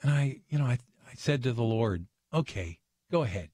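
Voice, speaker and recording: Guy on a radio show telling a story, earnest and lively, dry sound. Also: mid-range voice, normal speed, breathy edge, dry recording. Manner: earnest, animated, acts out voices in his stories. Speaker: guest.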